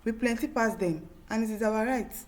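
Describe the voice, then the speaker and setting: Her voice is fairly high and a little mellow, at normal speed, as this Nigerian-accented host reads viewer comments. The opinionated news commentary comes out emphatic and exasperated, with repeated phrases and rhetorical questions.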